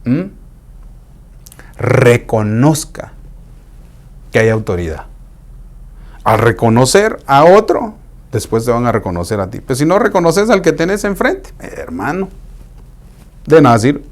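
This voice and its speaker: A man preaching a sermon in a conversational way, dropping into hushed asides to act out what people say. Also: mid-range voice, very animated, unhurried, pauses often.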